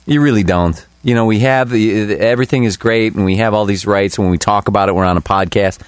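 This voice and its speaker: A man's voice: lowish voice, a little fast, clear, resonant tone, no echo. A man co-hosting a podcast, talking bluntly in casual chat with plenty of swearing. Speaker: podcast co-host.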